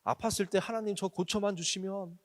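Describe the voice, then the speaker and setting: Male pastor, lively storyteller, a bit high-pitched, preaching to young adults. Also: a little fast. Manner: storytelling testimony with acted quotes. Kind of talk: sermon to a young adults group.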